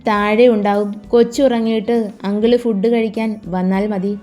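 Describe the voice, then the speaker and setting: A woman voicing a calm, gentle young man who speaks in a reassuring way. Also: mid-range voice, normal speed, soft background music, close to an everyday voice.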